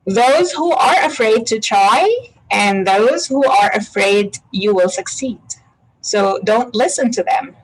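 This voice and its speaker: A woman hosting an online panel, reading out a guest introduction in a measured way. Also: mid-range voice, animated, slightly rough, low-quality recording. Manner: measured, reads quotes slowly.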